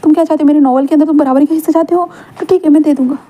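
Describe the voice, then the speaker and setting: A woman voicing a flustered, excitable young male novelist who stammers in a high voice. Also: very fast, slight background noise, natural voice. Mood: confused.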